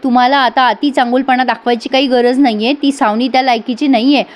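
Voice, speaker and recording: A woman's voice: sits high, fairly even intonation, quick pace, close to an everyday voice. A woman voicing a blunt, fed-up man. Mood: irritated. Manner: curt, irritated. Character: angry fed-up father, blunt and dismissive.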